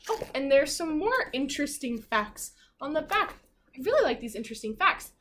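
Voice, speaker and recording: At a normal speed, a primary school teacher reads to her pupils in a high, very animated and somewhat bright voice. Her reading of the children's book is expressive, mixed with chatty asides and questions aimed directly at the kids.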